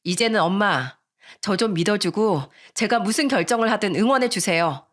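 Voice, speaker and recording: Woman reading as a young cop standing up to her mom, calm and firm, steady mid voice. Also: medium pitch, normal speed, natural voice. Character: determined young woman, a police officer defying her mother. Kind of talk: radio story reading.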